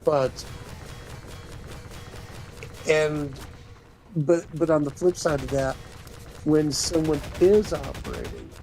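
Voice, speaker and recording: Man, gravelly voice, slightly high pitch, rambling casual talk, faint hiss. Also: big pitch swings, slow pace, pauses often, a little mellow, faint music behind, low-quality recording. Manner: rambling, many restarts and trailing off. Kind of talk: casual spiritual chat.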